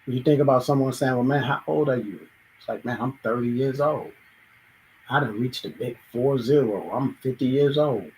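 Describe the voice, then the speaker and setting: A male show host delivers a reflective solo monologue, thinking aloud, acting out small everyday exchanges and sometimes restarting. His medium-pitched voice moves at normal speed over a rough recording with a little hiss or hum.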